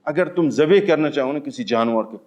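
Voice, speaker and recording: A man giving a spoken religious lesson to an audience. He poses questions and answers them himself with everyday examples, swinging between raised emphatic lines and low, quiet asides. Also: expressive, dull audio. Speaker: Islamic teacher giving Quran commentary.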